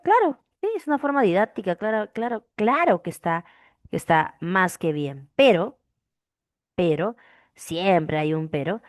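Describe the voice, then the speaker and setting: A woman teacher with a mid-range voice explains a grammar point in a classroom language lesson, repeating key phrases and often asking "¿de acuerdo?" to check that students follow. The recording is studio quality with no room sound.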